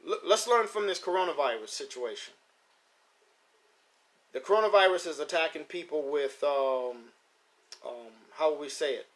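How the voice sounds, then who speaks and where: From his home beside the pigeon loft, a man in his fifties live-streams about his birds. His voice is a little high and a bit bright, and his street-casual talk is loose and emphatic, circling back to the same points.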